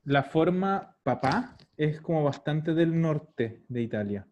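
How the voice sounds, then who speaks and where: A man's voice: on the high side, expressive, takes it slowly, darkish tone, highs cut off. A man teaching an online language lesson, patiently explaining and repeating words over a video call. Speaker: Italian teacher.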